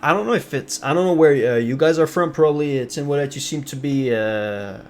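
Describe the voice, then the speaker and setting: A young man from Ontario streams live, chatting casually with viewers in a rambling style packed with fillers and restarts and reading chat aloud. French is his first language, and he has a French Canadian accent. His voice is on the high side, fairly quick and a little mellow, with slight background noise.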